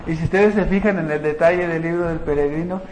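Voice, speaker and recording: Male preacher, high voice, conversational sermon with rhetorical questions; roomy echo and faint ambience. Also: steady tone, quick pace, slight background noise. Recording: echoey room, faint ambience.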